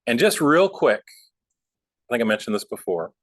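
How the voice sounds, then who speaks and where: A man gives a casual computer lesson, talking in a loose, meandering way and filling pauses with "um" and "so." His voice sits at an ordinary pitch and sounds dry and close, with no room echo. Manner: relaxed, rambling, lots of fillers. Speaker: bookkeeping instructor. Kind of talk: casual software class with chatty asides.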